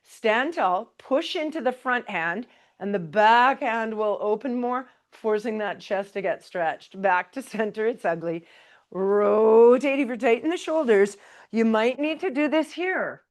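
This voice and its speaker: A woman's voice: on the high side, expressive, a little slow. A woman pilates instructor talks a class through each move. She calls breaths and counts in a friendly, encouraging way. Her cues are conversational rather than scripted. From Canada. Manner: chatty, laughs between cues. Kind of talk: live exercise class instruction.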